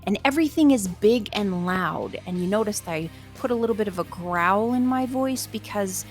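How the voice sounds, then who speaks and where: A woman's voice: medium pitch, lively intonation, moderate pace, faint music behind. A woman hosting a daily calendar show, explaining the day in an upbeat way. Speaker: host. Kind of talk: cheerful daily calendar presentation.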